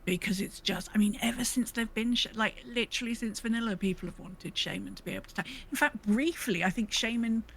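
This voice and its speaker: A woman with a higher-pitched voice talks a little fast with few pauses as co-host of a podcast's casual gaming discussion. She is chatty and tentative, restating her points, with faint background noise in the recording.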